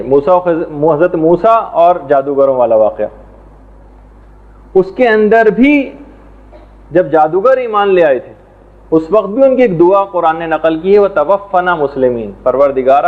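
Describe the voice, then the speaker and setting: A man teaching a religious lesson in a measured, explanatory way, now and then reciting Arabic prayers and verses. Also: on the high side, expressive. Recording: tinny phone-like sound.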